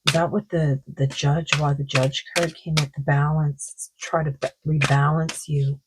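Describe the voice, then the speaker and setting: A woman doing a tarot card reading, talking in a slow, meandering way, her throat sore. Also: low-pitched, level tone, heavy background noise. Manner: slow, meandering, full of likes and you-knows. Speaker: psychic card reader.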